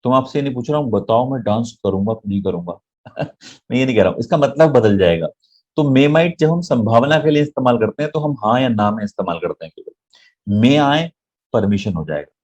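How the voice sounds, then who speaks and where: A man's voice: mid-range voice, animated, fairly quick, a little mellow, highs cut off. A man teaching an online English grammar lesson, explaining in Hindi mixed with English and often checking "right?" with his viewers.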